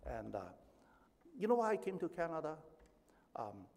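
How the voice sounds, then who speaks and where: A man's voice: a little high, sing-song, moderate pace, darkish tone. A man in his seventies from Hong Kong, preaching a sermon as pastor, with emphatic rising stretches and chatty personal asides. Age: 70s. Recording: echoey hall with long reverb.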